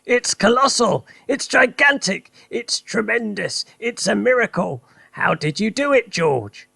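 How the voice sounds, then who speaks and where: A man voicing an excitable, easily worked-up small father who exclaims in high bursts. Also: takes it slowly, vocal fry, slightly rough, exaggerated voice. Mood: excited.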